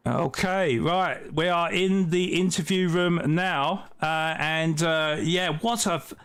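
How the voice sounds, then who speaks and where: Male sim-race commentator with a slightly high voice. Excitable and breathless, hesitates often. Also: clean tone. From South Africa. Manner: hesitant, many filler pauses, excitable. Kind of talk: sim racing commentary and post-race interview.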